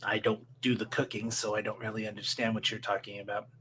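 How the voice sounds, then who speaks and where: Gaunt tiefling mortician, played by a male game master: low, dry, formal, unimpressed, tabletop game. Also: little pitch movement, fast talker, fairly bright tone, a little hiss or hum, natural voice. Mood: dry, curt.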